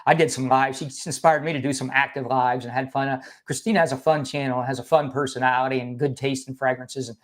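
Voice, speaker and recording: A man hosting a livestream, asking questions and talking in quick, loose, repetitive phrases. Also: mid-range voice, steady tone. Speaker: livestream host. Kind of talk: casual livestream chat.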